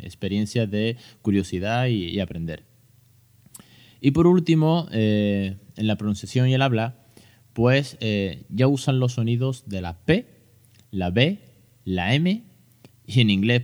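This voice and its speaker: A man in his thirties with a Spain Spanish accent talks on his podcast into a close mic. His voice sits a little low. He is chatty and joking, full of fillers and restarts. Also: darkish tone. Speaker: podcast host. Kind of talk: casual educational podcast talk.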